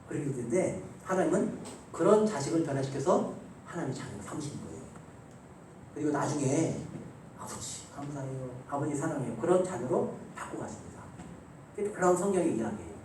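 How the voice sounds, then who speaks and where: A man's voice: on the high side, a little hiss or hum. Emphatic male pastor in an echoey hall. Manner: emphatic storytelling, swinging between loud and soft. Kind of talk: Sunday afternoon sermon. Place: church sanctuary. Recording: very echoey church hall, voice from far off, faint ambience.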